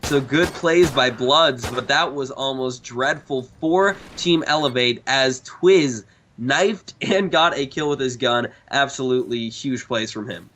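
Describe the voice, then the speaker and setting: A man casting an esports match, giving play-by-play commentary in a chatty, animated way that slides into joking banter. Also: mid-range voice, slight background noise. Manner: animated, chatty, quick to joke. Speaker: esports caster.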